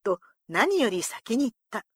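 A woman reads a historical tale aloud with a fairly high, lively voice that rises and falls freely. The recording is dry and close, with no room sound. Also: normal speed, breathy edge, no room sound. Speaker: narrator. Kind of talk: storybook narration.

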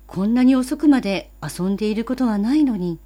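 Casting: a woman playing a composed, firm mother, a touch raised, soft-toned storybook voice. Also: fairly high pitch, expressive, brisk. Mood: concerned. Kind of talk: storybook reading.

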